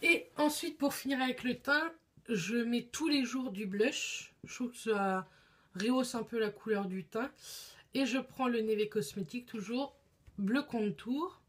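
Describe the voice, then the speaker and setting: Young woman vlogger, casual chat, halting and filler-heavy, somewhat high pitch. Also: breathy edge. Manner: chatty, hesitant, many fillers and restarts. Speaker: beauty vlogger.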